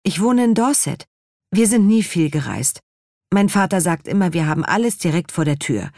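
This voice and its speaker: A shy, eager young woman with a bright delivery, as the reader puts her on, pitched a little higher than the reader's plain telling. The recording is close and dry, like a storybook reading. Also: lively intonation, moderate pace, no echo.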